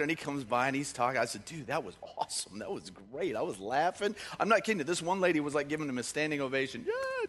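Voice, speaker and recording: A man's voice: a little high, bright, forceful tone, a little hiss or hum. A man preaching a sermon as pastor, telling stories in a joking, conversational way. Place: church hall. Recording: long hall reverb.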